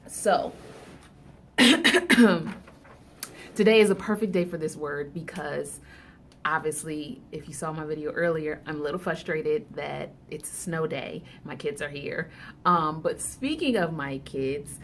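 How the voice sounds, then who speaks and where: A woman's voice: sits low, measured pace, slight background noise. A mother hosting her own video blog from home, talking casually to camera in a slangy, chatty way and laughing often. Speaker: vlog host. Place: indoors at home.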